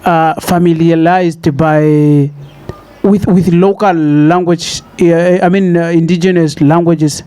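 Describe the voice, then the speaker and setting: A man with a Namibian accent hosting a casual interview, often halting and repeating his words. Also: on the high side, fairly even intonation, warm tone, clean tone. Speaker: podcast host.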